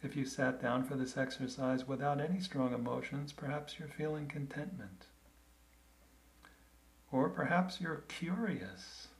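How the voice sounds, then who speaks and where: A man leading a guided meditation in a calm, gentle, unhurried way, with long pauses between phrases. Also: medium pitch, gravelly.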